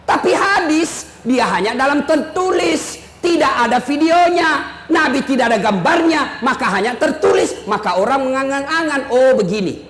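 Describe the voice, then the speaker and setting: Male preacher with a very high voice, joking and punchy; live sermon in an echoey hall. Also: lively intonation, moderate pace. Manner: joking, emphatic, often shouting. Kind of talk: humorous sermon. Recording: echoey hall, faint noise.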